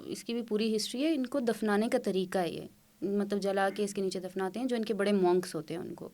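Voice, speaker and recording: A woman from Khyber Pakhtunkhwa, a tour guide and trekker, telling stories as a guest in a casual podcast interview, lively and acting out quotes. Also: mid-range voice. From Khyber Pakhtunkhwa, Pakistan. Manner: lively storyteller, acts out quotes.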